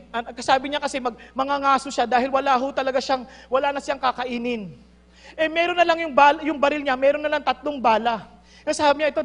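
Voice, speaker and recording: A woman with a very high voice preaches to a congregation, switching between Tagalog and English. She tells her stories in a lively way and laughs often. Her voice echoes with a long reverb, as if she is in a large hall. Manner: mixes Tagalog and English, animated storytelling with laughs. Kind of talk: sermon with storytelling.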